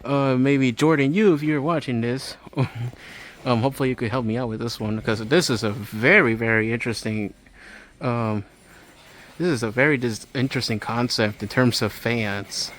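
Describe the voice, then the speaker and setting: Holding his phone as he walks, a hobbyist vlogger gives casual, stop-start narration inside a large home improvement store. The mid-range, fairly bright voice competes with noticeable ambient store noise.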